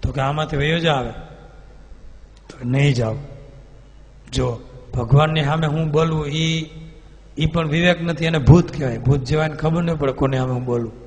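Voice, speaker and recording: A male preacher, telling a devotional story with vivid, animated delivery. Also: on the high side, fairly quick. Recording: reverberant hall.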